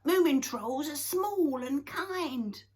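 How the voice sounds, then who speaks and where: Woman doing a shrill, rude little creature. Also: lively intonation, slow pace, a little mellow. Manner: screechy, accusing. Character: small shrill young male creature, rude.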